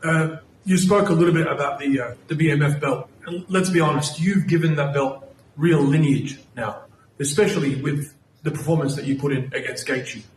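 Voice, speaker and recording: A man's voice: fairly high pitch, normal speed. A man working as a reporter asks a casual, chatty question at a press conference. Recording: echoey room, faint noise.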